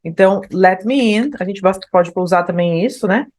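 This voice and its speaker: A woman's voice: medium pitch, a little mellow. Brazilian woman teaching English. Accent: Brazilian Portuguese. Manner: explanatory, tags phrases with "né?"; slows down to read lyrics aloud. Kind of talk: online language lesson.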